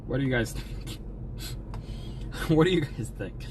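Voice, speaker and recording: A man's voice: mid-range voice, expressive, slow, background noise. A young man livestreaming, chatting casually while eating, in a jokey, folksy put-on American drawl. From Sweden. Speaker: streamer.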